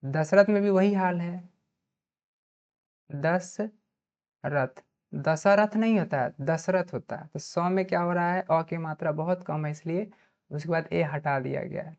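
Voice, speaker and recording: Slow, low-voiced woman teaching grammar. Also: darkish tone. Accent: Bihari Hindi. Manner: slow, spells out letters one by one, asks and answers her own questions. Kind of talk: online grammar lesson. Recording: dull lo-fi sound.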